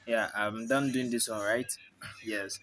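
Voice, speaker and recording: A man's voice: lowish voice, fairly even intonation, slow pace, sharp tone, a little hiss or hum, rough recording. A man walking through a graphic design tutorial over a screen recording, narrating each step plainly as he works and thinking aloud.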